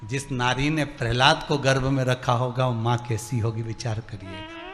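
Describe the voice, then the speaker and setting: A man's voice: mid-range voice, moderate pace, long reverb tail. A man giving a devotional sermon, telling stories, acting out dialogue and putting questions to the crowd. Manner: animated, acts out dialogue and asks the crowd questions. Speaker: religious storyteller.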